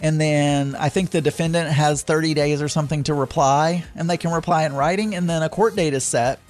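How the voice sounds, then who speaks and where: A man's voice: on the high side, steady tone, fairly quick, darkish tone, faint music behind. A man casually telling a story to his viewers, rambling with lots of fillers and restarts.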